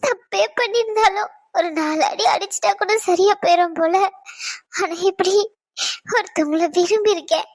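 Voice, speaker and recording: A tearful young cartoon wife , voiced by a woman, pours out her hurt in a very high, thin voice. She pleads between sobs, and her voice keeps breaking. Her grief is raw. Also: normal speed. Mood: sobbing. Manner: sobbing, pleading confession. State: crying. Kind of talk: cartoon voice acting.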